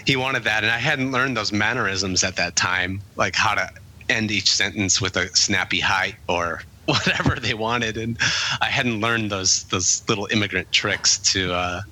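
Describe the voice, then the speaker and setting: Recorded at low quality, a male author from an English-speaking country speaks as a guest in a conversational interview about his working life. His fairly low voice sounds pushed and bright at a moderate pace, and his reflective answers wander, with many fillers and restarts.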